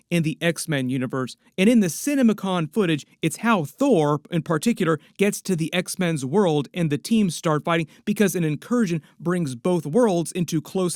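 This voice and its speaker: A man's voice: a little high, darkish tone, dry recording, studio quality. A man giving casual movie-news commentary in a rambling, speculative way with frequent asides.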